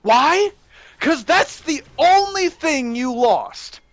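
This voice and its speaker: A young man hosting a rambling, excitable gaming rant that breaks into shouting while he plays. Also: very high voice, slow, no echo, muffled recording. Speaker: gaming channel host ranting.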